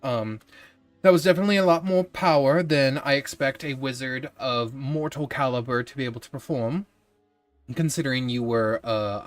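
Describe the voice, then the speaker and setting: A man playing a powerful male planar figure in a tabletop game, giving praise in a loud, formal way. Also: medium pitch, dry recording, far from the mic, natural voice.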